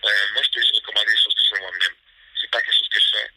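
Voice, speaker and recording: A man's voice: on the low side, fairly even intonation, rapid-fire, pushed and bright, breathy edge, no echo. A man, a fitness coach answering interview questions over the phone, repeating himself and tagging lines with "right?". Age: 30s. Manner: repetitive, peppers talk with "right?". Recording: phone line.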